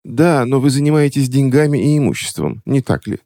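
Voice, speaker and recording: A man's voice: mid-range voice, sing-song, a little fast, dark tone, no echo, studio quality, voice pushed up. A man voicing a cunning young witch who puts on tearful, theatrical grief to get her way. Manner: whimpering, theatrical, pleading.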